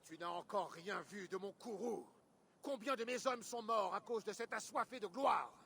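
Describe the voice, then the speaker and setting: A man's voice: fairly high pitch, expressive, a little slow, a little hiss or hum. An actor voicing a stern, proud male Viking king in a dubbed video game, speaking with a commanding, scolding manner. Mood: angry. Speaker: war leader.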